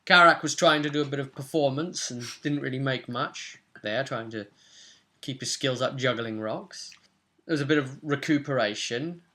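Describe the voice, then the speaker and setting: Sitting in a small room at home, a young adult game master and vidcast host runs through a casual recap of a tabletop roleplay session. He talks at normal speed in a mid-range voice that's bright and forceful.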